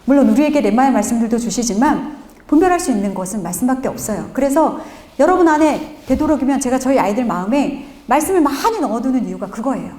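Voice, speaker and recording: A middle-aged woman, a pastor's wife, giving a church parenting lecture and acting out family stories with lively quoted voices. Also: high voice, quick pace, echoey room. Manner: animated, acts out her child's and her own quoted lines. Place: church hall.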